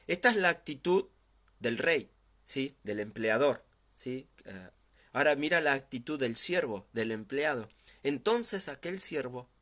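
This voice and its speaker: A man with an Argentine accent, a pastor giving a Bible study sermon, explaining step by step and often checking in with his listeners, with dramatic swings in loudness as he retells a story. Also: a little high. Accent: Argentine Spanish.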